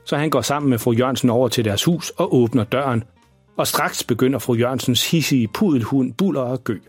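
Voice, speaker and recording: A man narrating a children's audio story in a calm, even storytelling manner. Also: medium pitch, faint music behind.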